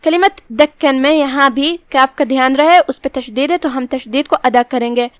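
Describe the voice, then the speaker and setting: A woman with a Pakistani Urdu accent, teaching Quran recitation rules in a measured, instructive way. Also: high voice, no room sound. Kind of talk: tajweed lesson, explaining rules word by word.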